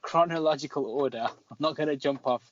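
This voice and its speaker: A man co-hosting a casual podcast chat, upbeat and quick to laugh as he prompts his partner. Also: a little high. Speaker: podcast co-host. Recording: dull lo-fi with faint noise.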